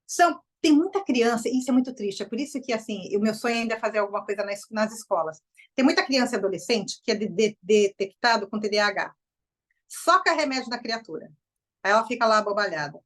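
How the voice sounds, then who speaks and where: A middle-aged woman with a Brazilian Portuguese accent giving an informal, animated lecture to a group. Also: fairly high pitch, fast talker. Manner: lively, animated, acts out quoted voices. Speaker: enneagram presenter.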